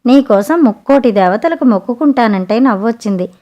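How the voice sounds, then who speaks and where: A woman voicing a clever, sharp-tongued young sea maiden in a spoken storybook, talking frankly and chidingly. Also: on the high side, lively intonation, brisk, lo-fi sound, lightly acted.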